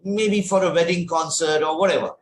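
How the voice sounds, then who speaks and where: A man tutoring English in an online lesson, his voice sitting a bit high for a man. He praises readily and explains carefully, circling back and restarting. The sound is roomy and echoey, with a faint hiss underneath. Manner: encouraging, teacherly, explains slowly with restarts.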